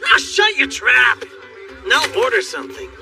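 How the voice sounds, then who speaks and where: A man voicing a brash, boastful young male warrior in an anime English dub, loud and teasing, often shouting. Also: high-pitched, animated, moderate pace, over music. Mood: boisterous. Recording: distant voice under loud score.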